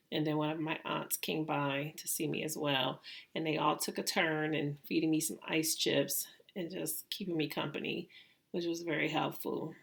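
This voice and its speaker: A middle-aged woman with a gravelly voice, telling a personal story casually and haltingly, like a vlogger. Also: sits low, fairly bright tone. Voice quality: gravelly, creaky voice. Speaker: vlogger recounting own surgery.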